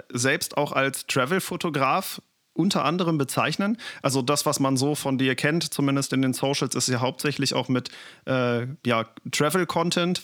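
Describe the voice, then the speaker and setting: A man co-hosting a relaxed podcast, his voice sitting at an ordinary middle pitch. He drops in quick agreements as others talk and asks his questions in a friendly, direct way. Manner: affirming, lots of short agreements. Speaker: podcast host. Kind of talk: casual podcast interview.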